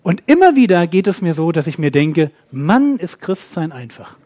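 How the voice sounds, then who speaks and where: A man preaching a sermon, asking rhetorical questions and swinging between loud and quiet. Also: on the high side, very animated, normal speed.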